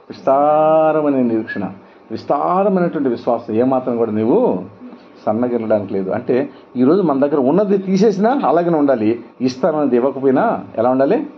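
A middle-aged male pastor preaching a sermon with emphatic rhetorical questions. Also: medium pitch. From India. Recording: dull lo-fi sound with faint noise.

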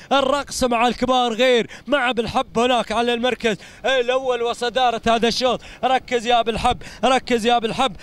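High, fast Emirati race commentator. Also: male voice, smooth. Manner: excited, repeats phrases in rapid chanting bursts.

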